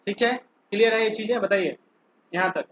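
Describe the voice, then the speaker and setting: A man's voice: sits high, a bit bright, muffled recording, a little hiss or hum. A man teaching an online engineering class, working through each step and keeping the students involved with frequent questions. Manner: slow, stepwise, keeps asking students questions. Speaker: polytechnic lecturer.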